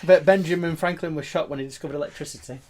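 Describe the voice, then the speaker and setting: A man's voice: a little high, steady tone, rapid-fire, a little mellow. A British man casually telling dad jokes to friends, mostly as a question followed by a punchline. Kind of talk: casual joke-swapping among friends.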